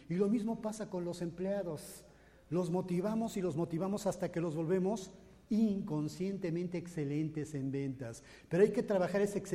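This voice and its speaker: A man's voice: high voice, mellow. A Mexican man giving a live motivational lecture on sales, theatrical, acting out voices and joking with the audience. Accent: Mexican Spanish. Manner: theatrical, acts out voices and echoes, jokes with the audience.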